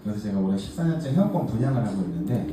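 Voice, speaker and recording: A man's voice: fairly low pitch, big pitch swings, racing. A man in his forties from Gangneung, telling his own life story to a group in a chatty, self-mocking way with many fillers. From Gangneung, Gangwon Province, South Korea. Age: 40s. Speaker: case presenter at a workshop. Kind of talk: personal story talk to a group. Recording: echoey room, distant mic, faint hiss.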